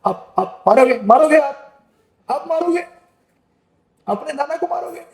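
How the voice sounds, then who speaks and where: A man's voice: very high voice, expressive, measured pace, creaky, pitched above the performer's own voice, full character voice. A man doing a sobbing childlike warrior. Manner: whimpering, pleading. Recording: echoey hall.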